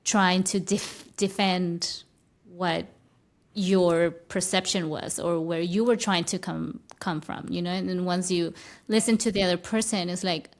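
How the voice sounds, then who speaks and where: A spiritual teacher whose first language is Spanish speaks English as a guest in a conversational interview, thoughtful and often restarting phrases. Her voice is lowish and fairly even, at a slightly slow pace.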